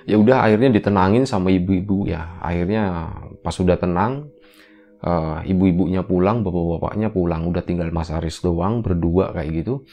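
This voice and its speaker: A man's voice: sits low, normal speed, dull audio. Casual man telling a ghost story. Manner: casual, conversational slang with many fillers. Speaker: horror podcast host.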